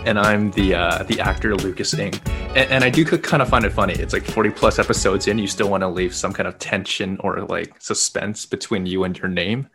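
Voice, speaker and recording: A man's voice: sits low, a little fast, a bit bright, soft background music. A man co-hosting a podcast in a casual, conversational style. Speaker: podcast co-host, actor.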